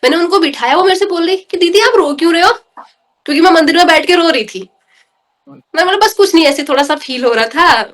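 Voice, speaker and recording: High-voiced woman telling an emotional story. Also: fast talker, a bit bright. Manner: earnest, emotional storytelling, often addressing the host as brother. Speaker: podcast guest. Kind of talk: recounting a personal devotional experience.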